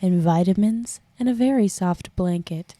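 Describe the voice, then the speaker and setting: A soothing trip sitter who softly reassures someone in her care, played by a woman as a joking ASMR bit. The voice is dry and close, with no room sound around it. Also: fairly low pitch, moderate pace, dry recording, close to an everyday voice. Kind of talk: mock ASMR role-play.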